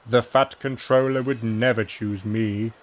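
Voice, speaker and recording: A man's voice: mid-range voice, steady tone, measured pace, lightly acted. A man voicing a big, proud male express engine in a storybook, speaking grandly with a chortle. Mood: gloomy.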